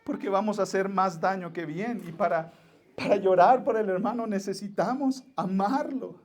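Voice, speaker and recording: Pleading Mexican pastor, high-voiced man. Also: normal speed. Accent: Mexican Spanish. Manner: pleading, swings from hushed to forceful. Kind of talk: sermon. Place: church.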